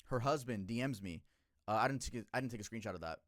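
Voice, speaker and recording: A man in his twenties, a streamer casually telling a story to his chat, emotional and profane, jumping between loud outbursts and low muttering. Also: animated, quick pace, dry recording, clean studio sound. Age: 20s.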